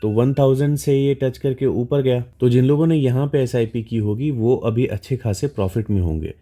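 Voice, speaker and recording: A man's voice: mid-range voice, normal speed, mellow. A man with an Indian accent walking through a stock chart in a casual, explanatory way, often checking in with his listeners. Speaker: stock market educator.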